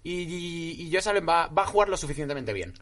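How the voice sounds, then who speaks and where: A man co-hosting a casual sports podcast, animated, often laughing and repeating himself. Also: fairly high pitch, a little fast. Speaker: podcast co-host.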